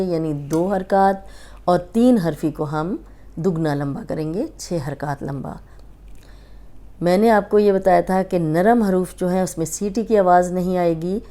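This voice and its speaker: A woman with a Pakistani Urdu accent and a low, dark, smooth voice leads a slow Quran reading lesson. She repeats every letter patiently and draws out the long sounds.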